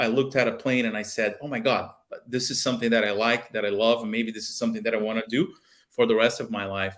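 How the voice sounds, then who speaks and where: On a casual video call, a man from Brazil in his thirties talks as a guest with a mid-range, fairly bright voice and a Brazilian Portuguese accent. The pilot and aviation video maker comes across as earnest, often restarting and using fillers. His webcam shows a small home office with a plane picture.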